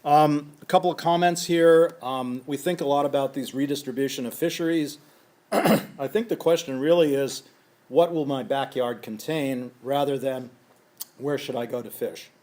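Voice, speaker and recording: Hoarse man lecturing, clearing his throat. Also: medium pitch, normal speed, darkish tone. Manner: methodical, poses a series of questions. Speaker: scientist presenting a lecture. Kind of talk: conference lecture.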